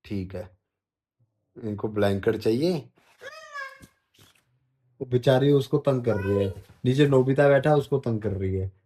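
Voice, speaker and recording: A man's voice: medium pitch, unhurried, long pauses, dark tone. A man, vlogging a stubborn, teasing argument with his wife at home in the bedroom. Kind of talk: casual bickering at home.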